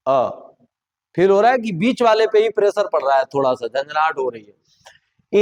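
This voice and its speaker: A man teaching a grammar lesson, explaining step by step in a conversational way and asking listeners to try the sounds aloud. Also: high voice. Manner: conversational, repeats and checks with "ठीक". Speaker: Hindi teacher.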